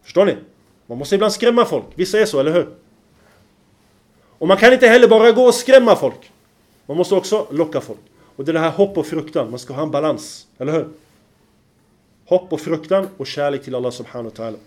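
Male preacher with a high voice, lecturing with rhetorical check-ins and chanted recitation. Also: animated, long pauses. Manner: keeps checking the listeners follow, with rhetorical questions; recites Arabic verses with a chanting lilt. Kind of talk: religious lecture.

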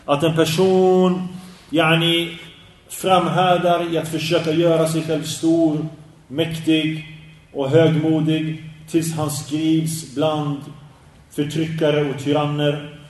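A man's voice: on the high side, little pitch movement. Man teaching a religious lesson. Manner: earnest, with Arabic terms and asides to listeners. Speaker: Islamic teacher. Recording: echoey room from a distance.

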